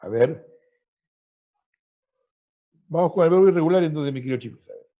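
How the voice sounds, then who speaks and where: A man's voice: fairly high pitch, moderate pace. A male teacher explaining grammar in an online class, checking in often with his students and repeating words as he goes. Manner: repeats words while searching. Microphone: video call. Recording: dull lo-fi video call audio.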